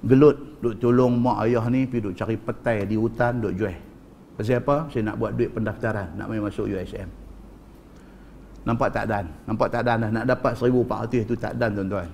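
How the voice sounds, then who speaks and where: A male preacher with a northern Malay accent giving a religious lecture, telling stories in an animated way, addressing the audience and repeating for emphasis. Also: lowish voice, brisk, creaky, slight background noise. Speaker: Islamic preacher.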